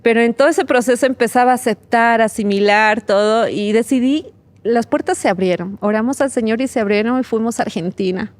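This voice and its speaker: A woman's voice: fairly high pitch, brisk, no room sound. Heartfelt woman sharing her testimony. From Bolivia. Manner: heartfelt storytelling, acts out the words of others; emotional, with nervous laughs between phrases. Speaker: guest. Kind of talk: personal faith testimony in a podcast interview.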